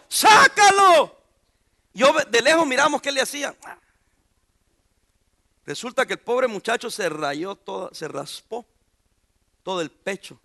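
A very high-pitched man with a gravelly edge and a bright, sharp tone preaches. He keeps the sermon loose and conversational, cracking jokes and tossing questions to the congregation in a church. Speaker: pastor. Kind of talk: informal sermon.

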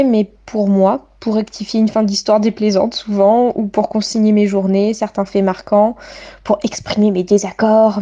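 As a guest on a radio interview, a woman in her late twenties gives a personal testimony that is articulate, literary, and self-deprecating. Her voice is mellow and on the high side.

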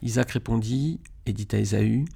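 A man reading a Bible chapter aloud in a steady, measured way. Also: on the low side, vocal fry, breathy edge. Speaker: Bible reader.

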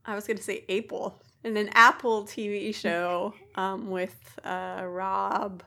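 A woman co-hosting a podcast, chatting casually and halting now and then to correct herself. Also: mid-range voice, level tone, creaky, pushed and bright. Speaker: podcast co-host. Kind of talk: casual chat.

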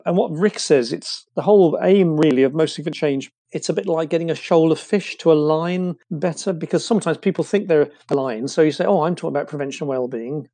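A man talks in a loose, rambling, professorial way, explaining ideas conversationally and wandering into tangents. His voice is mellow and creaky, recorded close and dry. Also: fairly high pitch, a little fast, few pauses, no room sound. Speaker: interview guest working in community social care.

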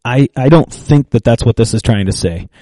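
In an animated, warm, mid-range voice, a man co-hosts a relaxed faith and finance podcast, recorded with no room sound. His speech is thoughtful but halting as he thinks aloud, full of fillers and restarts.

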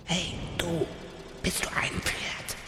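A man voicing a nervous male thief in a storybook, speaking in a hushed, hissing whisper. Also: fast talker. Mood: suspicious.

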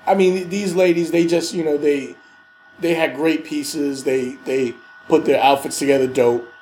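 Male co-host, congested with a stuffy nose, slightly high voice, slangy and repeating for emphasis, light noise behind. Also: steady tone, moderate pace, a little mellow, rough recording. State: has a cold, stuffy nose. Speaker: podcast co-host. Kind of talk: casual chat.

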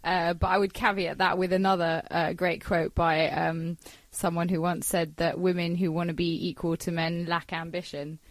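A woman with a fairly low voice answers interview questions in a calm, articulate way. She pauses with small fillers as she lays out her ideas. The sound is dry and close. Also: dry recording. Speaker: guest writer and academic.

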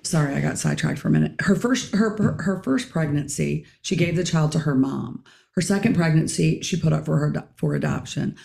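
A middle-aged woman hosts a casual podcast discussion in a hoarse, raspy voice with a gravelly, low-toned edge. She keeps clearing her throat. The sound is roomy, with a noticeable echo. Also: fairly quick, darkish tone. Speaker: podcast host.

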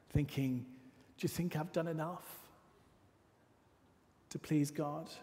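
A man preaching a sermon, his voice carrying a long reverb through the church hall. He tells stories with dramatic pauses and drops into quiet, hushed asides, at a mid pitch for a man. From north of England.

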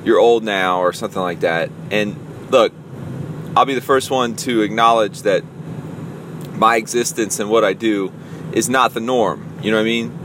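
A man's voice: fairly low pitch, moderate pace, long pauses, noisy background. A man in his forties, a podcast host and youth pastor, telling a story in a casual, self-amused solo monologue. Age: 40s.

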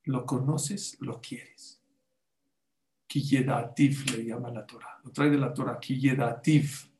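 A man's voice: medium pitch, fairly even intonation, measured pace, a little mellow, roomy sound. A man giving a sermon-style talk as a religious teacher, putting rhetorical questions to his audience and quoting Hebrew sources.

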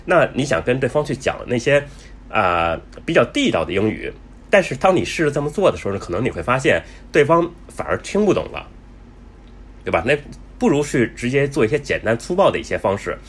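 Husky-voiced man giving chatty travel tips. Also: mid-range voice, very animated. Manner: chatty, many fillers and restarts; says he talks fast. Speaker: travel vlogger. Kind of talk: casual explanatory talk.

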